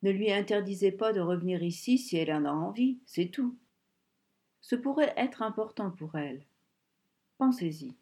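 A woman reading the part of an excitable older male scholar who pleads insistently. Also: medium pitch, moderate pace, close to an everyday voice. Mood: pleading. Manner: insistent, imploring.

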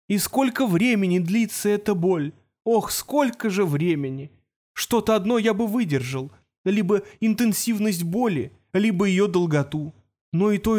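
A man voicing an ancient, gloomy male robot in an audiobook, with a creaky, grating voice and a slow, moaning, self-pitying drawl. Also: sits high, a little mellow, voice pushed up. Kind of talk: audiobook character voice.

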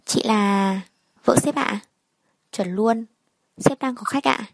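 A woman's voice: a little high, slow pace, creaky, dry recording, heavily acted, poor audio. Woman voicing a polite young secretary. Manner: polite, deferential.

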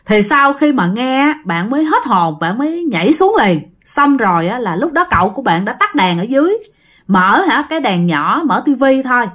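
A woman's voice: on the high side, a bit bright. A woman with a Southern Vietnamese accent, a channel host casually retelling stories sent in by listeners, chatty and full of filler particles, talking straight to her audience. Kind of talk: casual spoken storytelling.

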